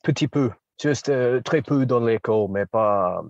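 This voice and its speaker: A man's voice: medium pitch, measured pace, darkish tone, no echo, lo-fi sound. A man from Australia with an Australian accent, speaking French as a second language, hesitant and searching for words as an interview guest. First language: English. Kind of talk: casual interview chat.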